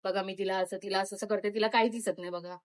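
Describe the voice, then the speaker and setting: A woman's voice: medium pitch, steady tone, fast talker. A woman, talking straight to the camera in a playful mock-serious plea. She keeps turning aside to coax and boss a child next to her, sliding between pleading and scolding. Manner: coaxing and bossy, switching from pleading to scolding. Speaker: vlogger.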